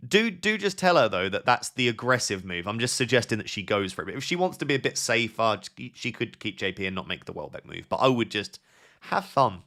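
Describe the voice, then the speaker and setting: A young man with a low, gravelly voice chats casually on a live stream. He reads viewers' messages out loud and answers them on the spot, thinking aloud as he goes with plenty of fillers and restarts. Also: very animated, brisk.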